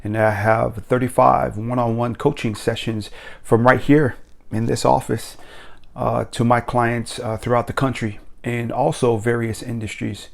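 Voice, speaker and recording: A middle-aged man from Tonga, a personal development coach, giving a reflective motivational talk from his office in a measured, drawn-out way with frequent fillers. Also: medium pitch, level tone, gravelly.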